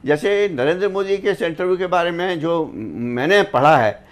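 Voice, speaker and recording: A man speaking as a panelist on a studio news discussion, a former government officer who talks in a measured, reflective way and likes to quote couplets and sayings. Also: a little high.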